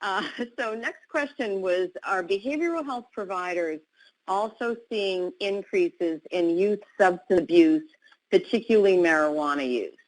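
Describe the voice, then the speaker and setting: A woman moderating a webinar question session over a video call, brisk and friendly. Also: medium pitch, poor audio. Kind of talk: hosting a webinar Q&A.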